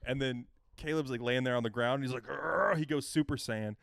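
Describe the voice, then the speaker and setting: A man's voice: mid-range voice, quick pace, smooth, dry recording, clean studio sound. Young man retelling a movie with gusto. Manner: animated retelling, acts out movie lines. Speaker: podcast co-host. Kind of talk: casual chat.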